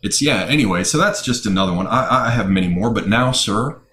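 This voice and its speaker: A Southern American man who rants and swears freely in an opinionated way. His voice sits on the low side. The room around him sounds echoey. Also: expressive, brisk, pushed and bright, slight background noise. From Southern United States. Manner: profane, ranting, opinionated. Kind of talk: casual podcast chat.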